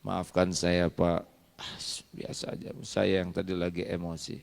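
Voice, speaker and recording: A man's voice: level tone, measured pace, gravelly. A man doing a meek apologetic wife. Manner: soft, low, humble. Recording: long reverb of a large hall.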